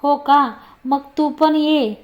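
A woman's voice: high voice, fairly even intonation, takes it slowly, highs cut off. A woman voicing a playful, confident young man who teases and jokes as he talks. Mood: teasing. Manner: teasing, joking.

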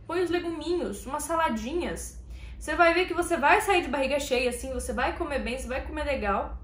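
A woman's voice: high voice, animated, fairly quick. A woman teaching belly dance online, chatting in a casual, slangy and encouraging way. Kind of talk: casual online lesson talk. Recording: echoey room.

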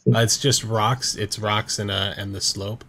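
A man narrating a tabletop game as game master, describing scenes in a calm, measured way. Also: on the low side.

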